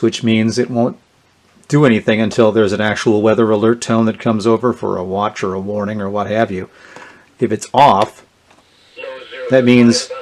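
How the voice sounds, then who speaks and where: This gadget reviewer has a lowish, slightly mellow voice. He walks through a product hands-on, unscripted and relaxed, explaining in a plain way while clear background noise and clicks come through.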